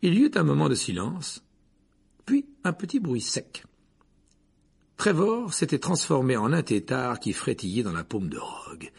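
A man narrating a storybook in an expressive, measured reading voice. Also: medium pitch, vocal fry, husky. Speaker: audiobook narrator.

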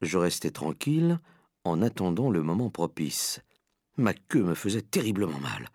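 A man reading a children's story aloud with dramatic, expressive first-person narration. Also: low-pitched, moderate pace, breathy edge, dry recording, studio quality. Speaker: audiobook reader.

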